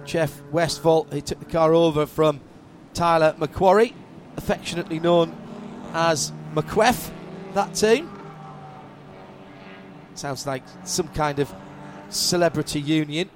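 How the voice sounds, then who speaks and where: A woman's voice: low voice, slow, pauses often, noisy background. A woman giving live motorsport commentary as lead commentator, with a running call that swells with the action.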